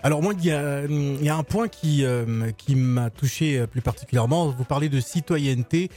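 A man interviewing a guest on air, asking measured, deliberate questions. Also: mid-range voice, dark tone, soft background music. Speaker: radio interviewer. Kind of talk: radio interview.

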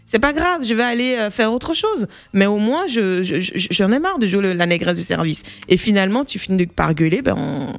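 A woman actress telling her story in a casual interview, lively and quick to laugh. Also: mid-range voice, creaky. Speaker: actress guest.

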